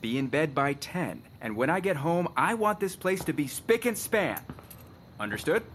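A man's voice: a little high, sing-song, moderate pace, fairly bright tone, slight background noise. An actor playing a stern father giving his children orders before leaving for the night.

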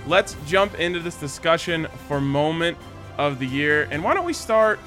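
Bright, forceful man hosting a sports panel. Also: fairly high pitch, big pitch swings, moderate pace, soft background music. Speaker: host and panel moderator. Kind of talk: casual sports panel talk.

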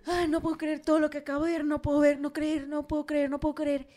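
A woman's voice: sits high, little pitch movement, quick pace, warm tone, voice pushed up, natural voice. A woman voicing a terrified young man, stammering in panicked disbelief.

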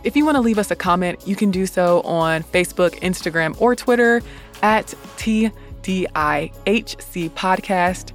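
A woman hosting a podcast reads scripted history in a measured, deliberate way, sounding muffled as if recorded in a closet. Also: fairly low pitch. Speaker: podcast host. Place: small home closet. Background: music.

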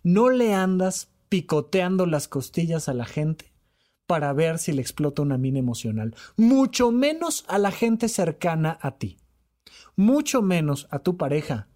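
A man with a high, light voice talks through a podcast on emotional health. He is animated and emphatic, repeats key phrases for weight, and slips into quick acted-out dialogue. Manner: animated, repetitive, acts out quoted dialogue.

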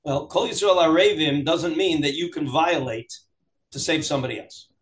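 High-voiced man teaching. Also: normal speed, reverberant. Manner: animated, questioning, acts out examples in dialogue. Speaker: rabbi teaching a Talmud class. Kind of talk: interactive text lesson, reading aloud and explaining.

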